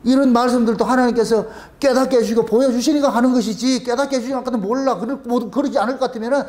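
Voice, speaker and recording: A middle-aged male pastor preaching a sermon in a colloquial, animated way, with rhetorical questions and bursts of laughter. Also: very high voice, fast talker.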